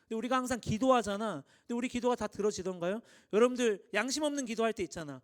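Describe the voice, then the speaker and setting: A man in his thirties, a youth pastor, giving a lively sermon, acting out little dialogues and asking his listeners questions. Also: sits high, rapid-fire. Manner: animated, acts out dialogues, asks the audience questions. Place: church hall.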